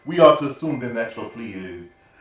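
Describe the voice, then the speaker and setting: A man's voice: medium pitch, animated, lightly acted. Man as a stern judge god. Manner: measured, questioning like a judge. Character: stern, impartial male god presiding as judge. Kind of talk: stage drama performance. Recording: roomy stage with faint music.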